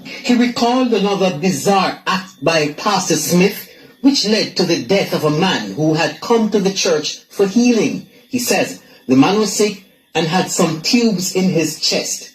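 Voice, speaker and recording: A reporter reading a scripted news narration in a measured, formal way. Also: mid-range voice, expressive, reverberant, poor audio.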